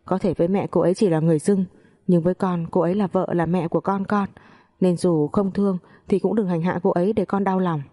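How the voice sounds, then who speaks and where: A young husband from a spoken family story, angry and reproachful as he defends his wife. A woman reads him in a low, dark voice. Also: steady tone, brisk, natural voice. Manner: pleading, reproachful.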